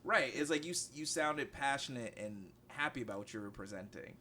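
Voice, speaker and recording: A man guesting on a casual podcast talks through convention tips in an even, measured way. His voice sits at an ordinary pitch. Faint hiss lies behind him. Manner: measured, gives practical advice. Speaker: interview guest, traditional artist.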